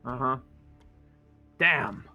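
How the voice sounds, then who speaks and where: An easygoing man plays a tabletop game, agreeing along and asking about his character's moves. He speaks slowly with a bright, forceful tone, faint music behind. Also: mid-range voice, animated, muffled recording. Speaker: player. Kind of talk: casual tabletop game play.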